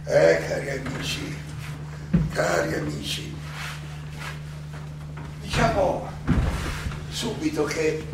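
A man playing the seventy-year-old Socrates in a theatrical monologue, an ironic, indignant accused philosopher who addresses his judges haltingly, repeating phrases and throwing out questions. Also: a little high, wildly swooping pitch, creaky, heavy background noise, heavily acted. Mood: wry, self-deprecating. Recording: very echoey, distant miking, music behind.

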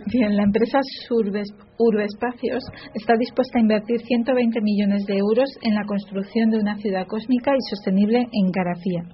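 Female newsreader, careful and measured, lo-fi radio sound. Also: medium pitch, fairly even intonation, a little hiss or hum. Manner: careful reading with small slips and restarts. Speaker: news reader on a radio show. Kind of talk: reading science news on radio. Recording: dull radio broadcast with faint music.

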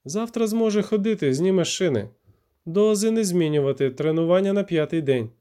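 A man's voice: high voice, animated, brisk, mellow, clear, resonant tone, pitched above the performer's own voice. A man voicing a brusque young woman medic in an audiobook, curt and scolding, barking orders. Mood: dry.

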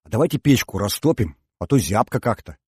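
A man reading an audiobook voices a lively teenage girl who calls out chirpily to her friends. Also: fairly low pitch, a little fast, husky, dry recording, studio quality.

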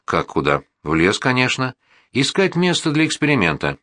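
A man voicing a hot-headed boy who shouts impulsively. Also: medium pitch, huge pitch swings, moderate pace, no echo, voice pushed up. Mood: eager.

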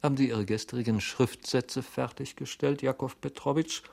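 A man's voice: medium pitch, fairly even intonation, moderate pace, gravelly, a little mellow, pitched above the performer's own voice. A man voicing a fussy middle-aged office head who asks his questions in a dry, matter-of-fact way.

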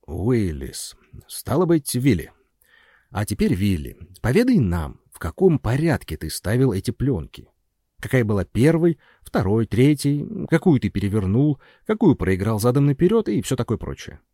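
Man doing a low, coaxing pushy film producer. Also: very animated, normal speed, mellow, dry recording, clean studio sound. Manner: coaxing and commanding. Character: smooth-talking, pushy male film producer. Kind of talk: audiobook character voice.

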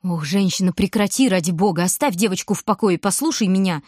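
A woman voicing a weary middle-aged male grocer who speaks low and firm. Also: a little fast, darkish tone, no echo, studio quality, natural voice. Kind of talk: audiobook character voice.

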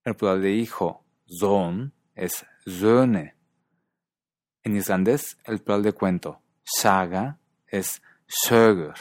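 A man narrating a scripted language lesson in a calm, measured way, carefully pronouncing foreign example words. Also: lowish voice, no room sound.

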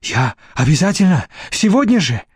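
A man's voice: high voice, big pitch swings, normal speed, breathy edge, dry recording, studio quality, full character voice. A man voicing an aging, cowardly museum deputy director who pleads in a trembling, servile way. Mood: pleading.

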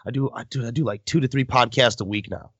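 A man's voice: medium pitch, quick pace, a bit bright, slightly rough, no echo, muffled recording. A man hosting a casual podcast chat, rambling, swearing and laughing often. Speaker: podcast host.

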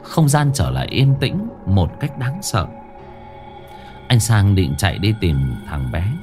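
A man reading a scripted ghost story as narrator, with expressive storytelling. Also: low voice, slow. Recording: faint music behind.

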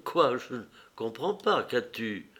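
A man's voice: sing-song, slow pace, a bit bright. A man reading a novel aloud and voicing an anxious, loving young fiancée in a raised, pleading voice. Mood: frightened. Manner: raised pitch, pleading and startled. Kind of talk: audiobook character voice.

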